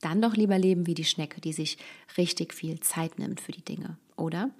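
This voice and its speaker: A woman's voice: fairly low pitch, moderate pace, breathy edge. A woman host of a podcast speaking in a thoughtful, conversational way. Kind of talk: reflective podcast talk.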